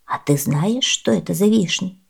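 A woman voicing a kind, hunched, gray-haired old grandmother who speaks low, slow and soft. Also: creaky, husky. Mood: gentle.

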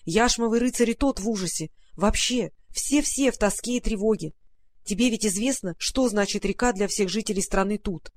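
A woman reading an audiobook, voicing a calm, earnest male fairy-tale friend who explains a worrying trouble. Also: medium pitch, normal speed, slight background noise, natural voice.

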